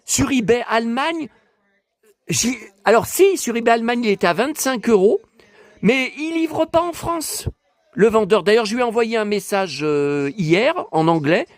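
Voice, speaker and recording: A man casually vlogging about collector books, excitable and rambling, talking straight to his viewers. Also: very high-pitched, normal speed, no echo.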